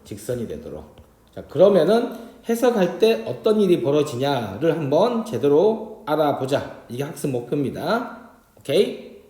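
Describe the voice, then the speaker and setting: A man teaching a math exam problem. He draws graphs on a board as he explains and keeps checking in with his students through quick tag questions. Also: a little high, sing-song, mellow, echoey room. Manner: talks while drawing graphs on a board. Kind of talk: exam problem walkthrough lecture.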